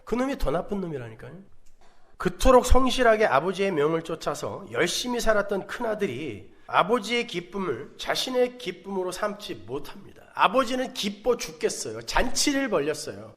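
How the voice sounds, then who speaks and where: Brief: male pastor, high and animated sermon delivery, dramatic, fond of rhetorical questions. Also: normal speed.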